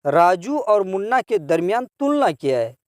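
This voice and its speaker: A man teaching English grammar to children, drilling each word form slowly and repeating it, then explaining and translating it. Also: high voice, very animated, no echo, studio quality. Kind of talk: grammar lesson.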